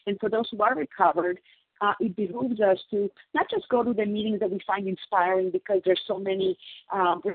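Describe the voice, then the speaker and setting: A husky woman speaks over a crackly, tinny phone line that keeps fading in and out. She explains things earnestly and comes back to the same key phrases. The call sounds dry and close. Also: mid-range voice, a little fast, no echo. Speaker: meeting participant sharing. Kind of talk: sharing at a recovery phone meeting.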